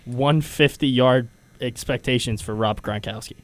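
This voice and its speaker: A man's voice: mid-range voice, unhurried. A young man hosting a casual sports radio show, steering the talk and teasing his co-hosts. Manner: leads the segment, teasing, laughs often. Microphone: headphones and studio mic.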